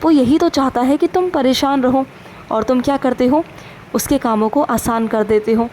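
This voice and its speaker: A woman voicing a gentle, fatherly male saint who counsels his devotees in a tender, instructive devotional message, calling them "my child" again and again. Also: high voice, moderate pace, slight background noise, lightly acted. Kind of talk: devotional first-person message.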